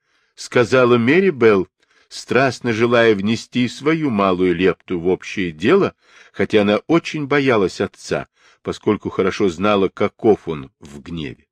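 Expressive man reading an audiobook. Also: on the low side, dry recording. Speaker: audiobook narrator. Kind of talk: audiobook narration.

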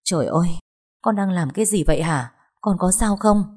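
An anxious middle-aged mother in a spoken storybook, put on by a woman narrator. Her voice is low and mellow, and she pleads as she calls out to her family. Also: lively intonation, normal speed, slightly rough.

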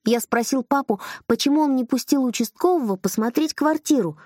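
A woman narrating a novel in a calm storytelling voice, lightly voicing the characters' lines. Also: high-pitched, brisk, dry recording, studio quality. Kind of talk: audiobook reading of a novel.

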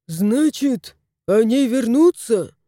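A woman's voice: on the high side, expressive, slow, mellow, no room sound, clean studio sound. A woman voicing an anxious, fussy little male house spirit in a storybook, agitated and scolding.

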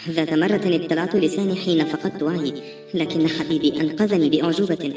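A woman's voice: sits low, fairly even intonation, quick pace, dark tone, echoey room, natural voice. A woman reading the part of a desperate pregnant young woman who pleads earnestly, heard from a distance with faint music. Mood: pleading.

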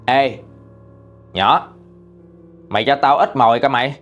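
A man plays a gruff ghost of a dead uncle who keeps demanding drinking snacks, in a narrated story. He talks in a plain, everyday voice, calling the child in a rough, bossy way. Faint music plays underneath. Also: mid-range voice, unhurried, fairly bright tone, muffled recording, lightly acted.

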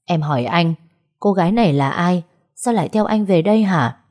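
A woman voicing an angry, sharp-tongued middle-aged wife. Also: lowish voice, lively intonation, normal speed, lightly acted.

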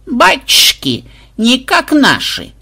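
A man voicing a flustered old village granny with a drawn-out, wailing delivery. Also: very high-pitched, huge pitch swings, gravelly, bright, forceful tone, husky, voice pushed up, exaggerated voice.

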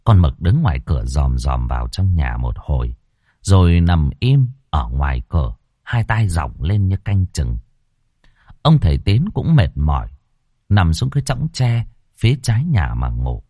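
A man narrating a ghost story in a dramatic, expressive reading style. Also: rumbling low, unhurried, no room sound, studio quality.

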